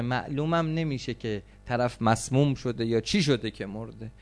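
A man preaching a religious story as a sermon, acting out the cries of the people in it and swinging from loud outbursts to hushed, slow passages. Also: mid-range voice. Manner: dramatic, acts out quoted cries and voices, swings from loud to hushed.

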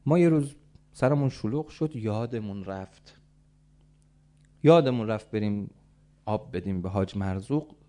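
A man's voice: fairly low pitch, animated, long pauses. Dramatic male preacher telling a story. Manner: dramatic, swinging from soft to loud calls. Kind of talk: religious storytelling sermon.

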